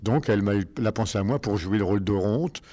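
An older man, a stage actor, answering interview questions in a rambling, halting way with many restarts. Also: lowish voice, mellow.

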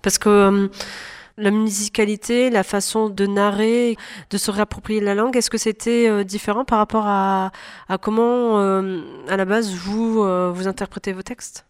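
A woman interviewing a guest at a festival, asking questions with many fillers and pauses. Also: mid-range voice, steady tone, clear, resonant tone. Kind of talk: casual interview.

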